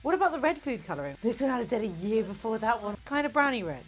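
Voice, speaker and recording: Tipsy, animated woman, swooping pitch. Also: fast, faint music behind. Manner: tipsy, giggly, rambling; sweary, self-mocking, playfully crude. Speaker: host of a comedic baking video. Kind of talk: casual comic vlog chat.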